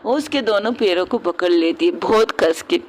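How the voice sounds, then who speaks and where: A woman's voice: on the low side, normal speed. A woman narrating a love story as storyteller.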